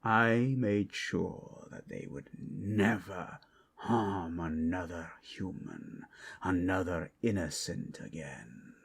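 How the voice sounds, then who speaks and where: A man heavily acts the part of an old, solemn dragon protecting its treasure hoard for a dramatic ASMR roleplay. He speaks low, husky and breathy, pausing gravely and deliberately. He comes across as menacing.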